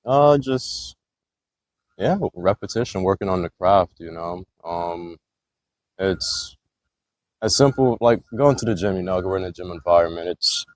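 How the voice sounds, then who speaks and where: Brief: low-voiced male guest, easygoing, filler-heavy delivery. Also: unhurried, no echo. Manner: relaxed, loose, lots of "like" and "you know". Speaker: podcast guest, military veteran. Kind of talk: casual conversation. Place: gym.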